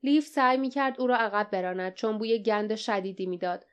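A woman reads a fantasy adventure aloud with steady, measured pacing. Her voice is smooth and clear. It sits at a middling pitch for a woman. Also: muffled recording. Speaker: audiobook narrator. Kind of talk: scripted narration.

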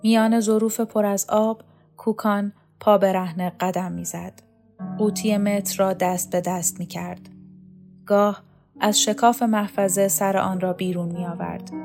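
A woman reading a novel aloud as audiobook narrator, calm and measured. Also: mid-range voice, soft background music. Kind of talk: scripted literary narration.

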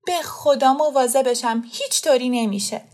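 A woman's voice: high voice, darkish tone, pitched above the performer's own voice, lightly acted. A woman reading an audiobook, voicing a cheerful young woman who coaxes a small boy in a sweet, persuasive way. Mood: coaxing.

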